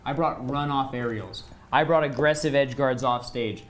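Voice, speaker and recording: A man's voice: mid-range voice, normal speed, slight background noise. A man co-hosting a late night panel chat, boastful and playfully argumentative, laughing often. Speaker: co-host of a late night show.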